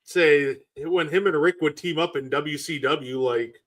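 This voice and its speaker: A man's voice: fairly high pitch, measured pace. A man co-hosting a podcast in casual chat, enthusiastic and full of "like"s. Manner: enthusiastic, filler-heavy with many "like"s. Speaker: podcast co-host. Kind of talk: casual chat about wrestling.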